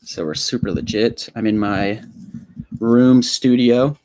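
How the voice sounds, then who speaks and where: A man's voice: mid-range voice, slow pace, a little mellow, no echo. A young man hosting his own live stream from a home room studio on a small desk microphone, telling a story in a nervous, rambling way with many fillers and restarts.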